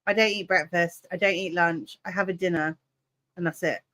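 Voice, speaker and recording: Blunt bright voice, swearing. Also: medium pitch, fairly even intonation, moderate pace, dry recording. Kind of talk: casual chat on a live stream.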